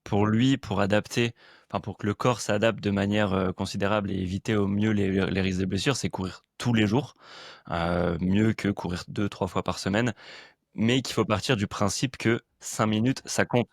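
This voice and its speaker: A man's voice: lowish voice, steady tone, moderate pace, vocal fry, no echo, clean studio sound. A man hosting a casual podcast conversation and coaching, talking in a hesitant, laid-back way with many fillers.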